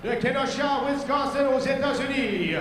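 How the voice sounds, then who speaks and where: High, booming hype-man fight announcer in echoing arena. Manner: brash fight promoter hype, drawn-out shouted introductions. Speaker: ring announcer. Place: large indoor fight arena. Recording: echoing arena PA, loud crowd noise. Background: crowd.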